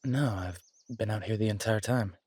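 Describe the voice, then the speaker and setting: In an intimate roleplay audio drama, a man voices a werewolf boyfriend who is affectionate, easygoing, and likes tinkering with bikes, and he speaks casually and haltingly. His voice is lowish and slightly rough with a darkish tone, and there's no echo.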